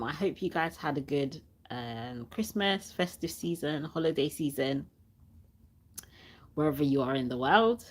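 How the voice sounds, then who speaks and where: A woman's voice: low voice, a little mellow. A young woman hosting a casual livestream, chatty and laughing often, reading viewer comments aloud, with a cough sweet in her mouth and a sore throat. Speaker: channel host.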